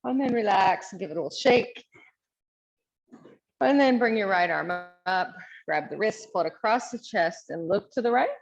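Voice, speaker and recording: Female yoga teacher, calm encouraging cues, some vocal fry, muffled recording. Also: mid-range voice, normal speed. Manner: calm, encouraging cueing of poses. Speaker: yoga instructor. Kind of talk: guided yoga class instruction.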